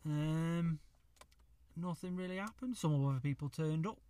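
A man's voice: on the high side, a little slow, warm tone. A man, co-hosting a podcast in casual, slangy, swearing banter. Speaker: podcast co-host. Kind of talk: casual chat.

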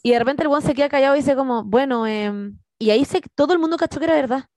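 Woman, Chilean accent, young adult, casual slangy chat, higher pitch, dry sound. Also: rapid-fire, a little mellow, no echo. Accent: Chilean Spanish. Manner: slangy, storytelling, acts out quotes.

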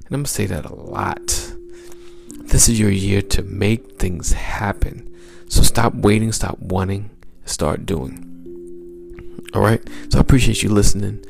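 Speaking at a measured pace over soft background music, a mindset coach hosts his motivational podcast. His smooth, low, gravelly voice carries upbeat encouragement that keeps repeating the same calls to action.

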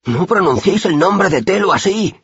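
A man's voice: high-pitched, lively intonation, moderate pace, creaky, fairly bright tone, breathy edge, dry recording, muffled recording, voice pushed up, full character voice. Man voicing a pious, fearful street boy. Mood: reverent warning. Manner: reverent, solemn warnings.

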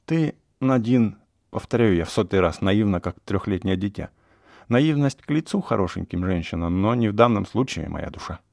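A man's voice: lowish voice, expressive, normal speed, creaky, darkish tone, dry recording, clean studio sound. A man voicing a plump young German baron who coolly lectures and refuses to marry. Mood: dismissive.

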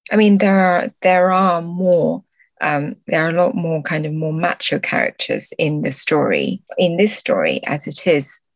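A woman with a low-pitched, expressive voice speaks without hurry, and there's no room sound. She's a translator and book editor appearing as a podcast guest, giving thoughtful, conversational answers while often hunting for words and correcting herself.

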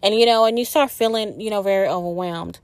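A woman's voice: medium pitch, quick pace, no echo. A woman from the South, a spiritual wellness coach telling a personal story in casual, rambling talk full of fillers. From New Orleans, US South. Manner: rambling, heavy with fillers like "like" and "you know".

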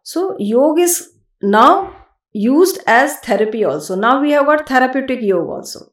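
A woman's voice: sits high, very animated, moderate pace, roomy sound. A woman with an Indian accent explaining things conversationally as an interview guest, emphatic and given to repeating her phrases. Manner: emphatic, repeats phrases, switches between English and Hindi. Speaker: yoga expert, podcast guest.

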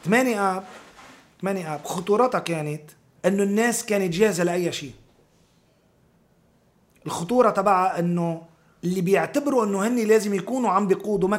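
A man with a Lebanese accent in an informal political discussion, talking emphatically with repeated phrases and rhetorical questions. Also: high-pitched.

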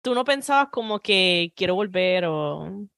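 A woman's voice: lowish voice, animated, unhurried, creaky, fairly bright tone. A woman hosting a casual podcast interview, asking short, attentive questions and reacting to her guest. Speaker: podcast host.

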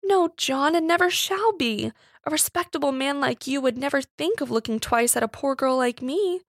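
A woman's voice: high-pitched, lively intonation, normal speed, no echo, studio quality, pitched above the performer's own voice. A woman voicing a tearful young working-class woman, pleading and emotional, in rustic dialect.

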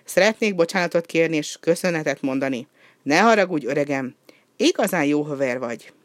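A reader voicing a boastful, mischievous young male penguin who talks loud and teasing. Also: mid-range voice, lively intonation, no echo, studio quality, lightly acted. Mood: cocky, teasing.

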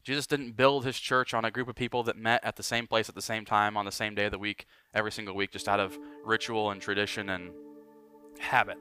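A man preaching a sermon as pastor, emphatic and building, then dropping to quiet lines for weight. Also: fairly low pitch, flat delivery, fast, smooth, no echo, faint music behind.

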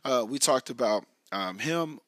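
An American man hosting a casual solo podcast in a hoarse, raspy whiskey voice, half lost, rambling and slangy as he addresses listeners directly. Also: medium pitch, lively intonation, unhurried, a bit bright, no echo. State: hoarse, losing his voice. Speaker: podcast host.

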